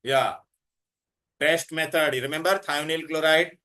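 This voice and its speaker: An Indian man teaches a class in a fairly high, bright, forceful voice. He repeats himself insistently and puts questions to his students. His English has Hindi words and phrases mixed in. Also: steady tone, a little slow. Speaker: chemistry teacher.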